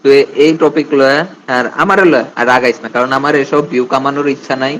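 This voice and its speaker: A man's voice: mid-range voice, fairly even intonation, quick pace, a bit bright, a little hiss or hum, low-quality recording. Stern young man giving warnings. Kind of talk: live-stream talk.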